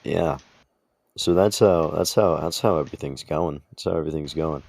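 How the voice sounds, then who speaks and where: A man's voice: very deep voice, moderate pace, vocal fry, darkish tone, dry recording. A young man co-hosting a casual podcast, rambling and stammering through restarts as he talks. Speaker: podcast co-host. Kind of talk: casual chat.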